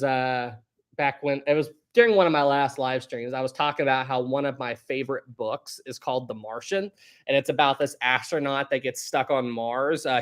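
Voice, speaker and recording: A man in his thirties hosts a casual live stream, chatting away and reading viewer comments aloud with playful bursts and frequent laughter. His voice is a little high with a fairly bright tone.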